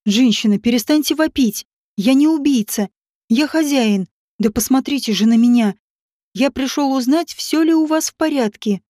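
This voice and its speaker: A woman voicing a level-headed male guesthouse owner in an audiobook, speaking in a calm, reasoning, firm way. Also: high voice, normal speed, dry recording, studio quality, natural voice. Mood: shouting.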